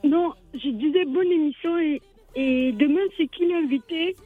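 A woman's voice: high-pitched, a little slow, faint music behind. A woman calling in to a radio show, speaking in a hesitant, friendly way. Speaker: caller. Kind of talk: phone-in chat. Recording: tinny phone line.

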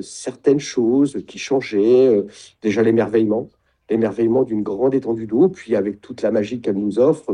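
A middle-aged man, a guest in an interview, talking in a reflective way and often pausing to search for words. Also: medium pitch, mellow, breathy edge. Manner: describes himself as introverted. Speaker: guest, sailing retreat founder. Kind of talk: casual interview talk.

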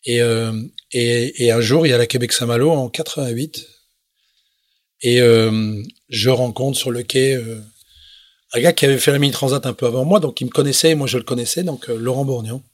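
A man's voice: mid-range voice, normal speed, no echo, clean studio sound. French man telling sailing stories. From France. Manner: rambling, many fillers and restarts. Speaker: sailor and sailmaker, guest. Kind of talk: casual interview storytelling.

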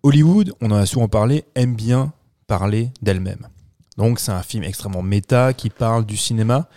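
Chill guy on a film podcast, warm low tone, dry close sound. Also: moderate pace, no echo. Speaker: podcast co-host. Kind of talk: casual podcast chat.

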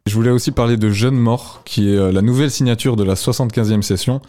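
A young man co-hosting a radio music show, talking through new rap releases in a relaxed, conversational way. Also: medium pitch, fast talker. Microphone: studio microphone.

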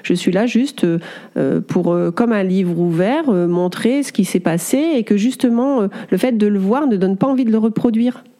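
A woman's voice: mid-range voice, normal speed, mellow. A woman in her forties from Auvergne, a sculptor being interviewed, talking earnestly and reflectively, with many hesitations. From France, Auvergne. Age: 40s. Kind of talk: conversational interview.

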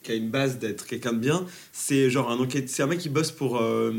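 A man's voice: mid-range voice, normal speed, creaky. A man giving a blunt, crude review in a casual chat, emphatic and laughing often. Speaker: panelist.

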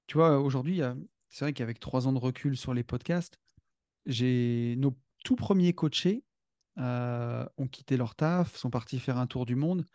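A man speaking as a guest on a podcast, enthusiastic and hesitant, filling pauses often, into a studio microphone. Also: mid-range voice, a little mellow, no echo. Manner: enthusiastic, hesitant with many fillers. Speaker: podcast guest, financial coach. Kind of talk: casual podcast conversation.

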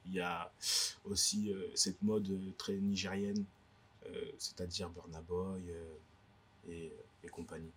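A man's voice: low-pitched, flat delivery, measured pace, slight background noise. A young adult man from Guadeloupe, a DJ being interviewed, talking casually and hesitantly with many fillers and restarts. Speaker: DJ guest. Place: indoor cultural space in a bookstore.

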